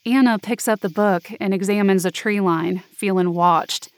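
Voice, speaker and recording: In character as the narrator of a fiction podcast, a woman tells a dramatic first-person story in an earnest, suspenseful way. Her voice is medium-pitched at a normal speed, the recording is dry, and music plays beneath her.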